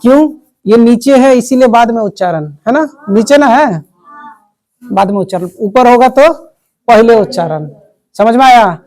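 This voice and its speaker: A woman's voice: on the high side, darkish tone. A woman teacher, explaining a reading lesson to a classroom of children, patient and repetitive, constantly checking whether they have understood. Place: classroom with pupils.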